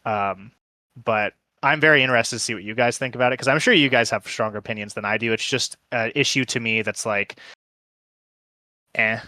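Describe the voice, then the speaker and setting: A man's voice: medium pitch, fairly quick, bright, forceful tone, dry recording. A man co-hosting a podcast who gives his opinion in a hesitant way, with many ums and hedges. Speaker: podcast co-host. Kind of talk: casual podcast discussion.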